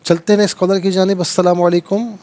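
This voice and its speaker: A man's voice: high voice, little pitch movement, darkish tone, a little hiss or hum. Man teaching Quran recitation on TV. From Pakistan. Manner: corrects callers' recitation patiently. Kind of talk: religious lesson with live call-ins. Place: TV studio.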